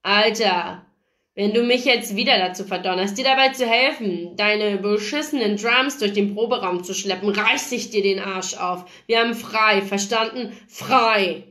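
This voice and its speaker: A woman's voice: fairly high pitch, measured pace. Woman reading a crude, grumpy young rocker guy. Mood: gruff. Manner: rude, loud, cursing. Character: crude, grumpy young male rock guitarist. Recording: roomy echo.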